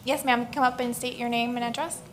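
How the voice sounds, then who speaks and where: A woman chairing a council meeting, brisk and procedural as she calls speakers up. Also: a little high, little pitch movement, background noise.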